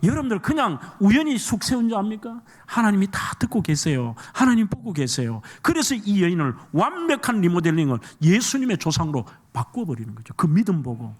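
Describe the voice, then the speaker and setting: Animated Gyeongsang man preaching. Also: high voice, brisk, hardly any pauses. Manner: humorous, folksy, emphatic preaching. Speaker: guest pastor. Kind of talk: sermon. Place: church.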